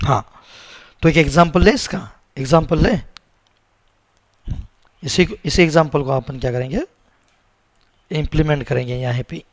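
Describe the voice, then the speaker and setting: A man's voice: fairly high pitch, no room sound. A man with a sore throat, teaching a screen-recorded coding lesson and repeating words many times as he types. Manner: asks the viewers questions as he teaches. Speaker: programming instructor.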